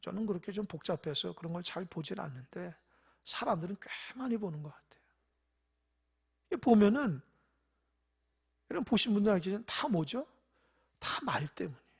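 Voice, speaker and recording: A pastor delivers a sermon in church, telling parables and putting questions to the listeners. The delivery swings from loud, emphatic stresses to hushed, near-whispered asides. The voice is husky with a gravelly rasp. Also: mid-range voice, lively intonation, fairly quick, pauses often. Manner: tells parables, asks the congregation questions.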